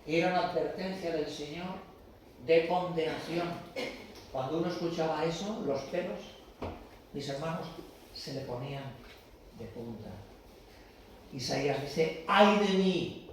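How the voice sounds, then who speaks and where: A man preaching a sermon, swinging from loud, impassioned proclamations to hushed, intimate asides. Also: fairly high pitch, unhurried, long pauses, slight background noise. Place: church. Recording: echoey church from far off.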